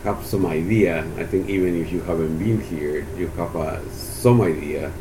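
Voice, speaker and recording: A man in his sixties from Peru, a Spanish speaker answering oral history questions about his life in a halting way with many restarts. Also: low-pitched. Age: 60s. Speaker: interviewee, university economist. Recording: steady background hiss.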